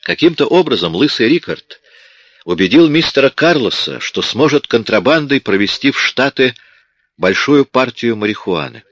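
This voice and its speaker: A man narrating a crime novel as an audiobook, in a steady storytelling manner. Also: mid-range voice, moderate pace, no room sound. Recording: dull lo-fi audiobook recording.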